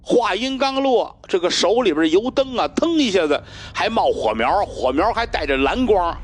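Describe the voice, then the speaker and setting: A man performing a traditional solo storytelling piece, told with animated, dramatic pacing. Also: high-pitched, moderate pace.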